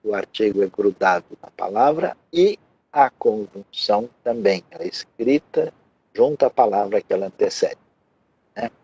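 A man's voice: lowish voice, expressive, moderate pace, mellow, breathy edge, dull audio. A man with a Brazilian Portuguese accent teaching a Hebrew lesson, patiently explaining step by step and often checking in with the listener.

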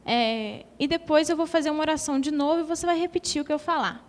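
A woman's voice: sits high, fast talker. A Brazilian woman giving an earnest, emotional testimony in a church hall. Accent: Brazilian Portuguese.

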